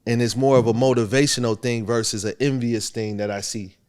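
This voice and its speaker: Clear and resonant at a medium pitch, this young man talks fairly quickly. He's a rapper from Buffalo, New York, guesting in a laid-back interview where he recounts his story and laughs easily.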